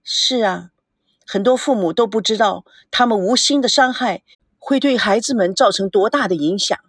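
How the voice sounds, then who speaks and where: A woman voicing a gentle, reflective young man in an audiobook, speaking calmly in a lowered voice. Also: moderate pace, breathy edge, no room sound, clean studio sound. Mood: earnest. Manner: calm, earnest, lowered voice.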